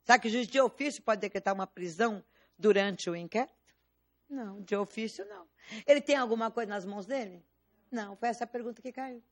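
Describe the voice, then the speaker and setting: A woman with a Brazilian Portuguese accent teaches a law class in a classroom. Her voice sits slightly high, and she keeps quizzing her students with rhetorical questions, stressing the words they must remember. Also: fast. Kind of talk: classroom lecture.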